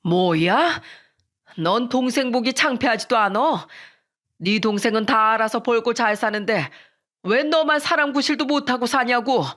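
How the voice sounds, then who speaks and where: A woman's voice: fairly high pitch, measured pace, pitched above the performer's own voice. A woman voicing an angry old father. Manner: loud scolding.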